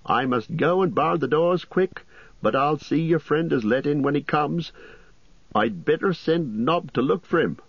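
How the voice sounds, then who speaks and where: A male narrator plays a fussy middle-aged country innkeeper for a fantasy storybook. The pitch jumps high and swings about, with a husky edge. He chatters in folksy, rustic phrases, easily flustered. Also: lively intonation, unhurried, no echo, muffled recording, full character voice. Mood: anxious, helpful.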